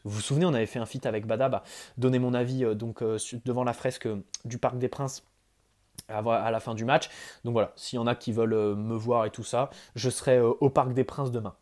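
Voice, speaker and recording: A young man talks to camera for his channel in a loose, chatty way. His voice sits at an ordinary middle pitch, and he stumbles through fillers and restarts as he gets carried along. He sounds like a student vlogger chatting with his audience. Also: fairly even intonation, brisk, darkish tone. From France. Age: young adult. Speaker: YouTuber. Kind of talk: casual vlog address to viewers.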